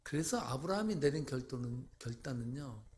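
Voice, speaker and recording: A man's voice: mid-range voice, lively intonation, a little fast, a little mellow, a little hiss or hum. A male pastor preaching a sermon, emphatic and putting rhetorical questions to the congregation.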